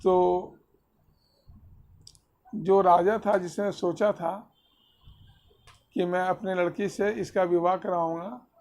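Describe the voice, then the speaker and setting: Unhurried guy telling kids a story on a video call, keeps asking them questions. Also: high-pitched, a little mellow. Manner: quizzes listeners mid-story; mixes simple English with Hindi. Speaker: storyteller teaching children. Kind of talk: spiritual story told to children.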